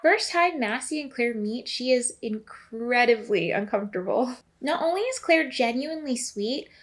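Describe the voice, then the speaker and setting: A woman's voice: fairly high pitch, lively intonation, moderate pace. A young woman narrating a video essay in a casual, chatty way, with asides to the viewer.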